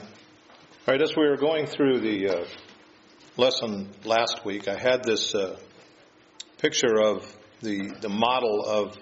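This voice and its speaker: A man with a fairly low voice gives an informal Bible lesson, feeling his way through explanations with a tentative, halting delivery. The room echoes and the recording is slightly dull. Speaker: Bible class teacher. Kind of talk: informal lecture on scripture and history. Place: echoing room, teaching a class. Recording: echoey room, dull sound, faint noise.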